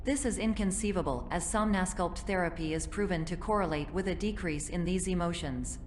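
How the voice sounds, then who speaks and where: A woman voicing a malfunctioning female AI therapy system in a game, with a glitching robotic sound and a flat, procedural delivery. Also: lowish voice, a little fast. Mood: clinical. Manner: flat, procedural, reads out protocol steps. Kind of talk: game voice acting. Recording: long reverb with faint noise.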